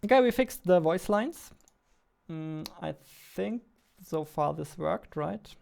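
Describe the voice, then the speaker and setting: Animated yet slow, the young developer speaks in a high-leaning, gravelly, slightly mellow voice with a clean tone. In his 20s, he streams his indie game work from a small home studio, chatting casually into a close studio mic on a boom arm.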